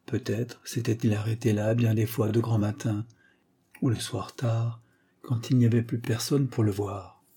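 A man calmly reading a short story aloud as narrator, in a measured way. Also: fairly low pitch, slightly rough.

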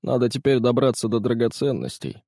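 A man's voice: medium pitch, big pitch swings, fairly quick, warm tone, husky, dry recording. Guy doing a pirate sailor giving a blunt report, storybook, dry. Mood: urgent.

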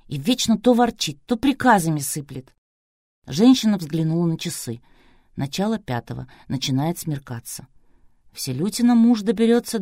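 A woman narrating a novel in an even, measured way. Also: on the low side, no echo, clean studio sound. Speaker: audiobook narrator. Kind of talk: scripted narration.

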